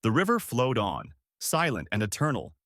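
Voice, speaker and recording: A man's voice: medium pitch, huge pitch swings, moderate pace, a bit bright, dry recording, studio quality. A man narrating a scripted story with a dramatic, sweeping delivery.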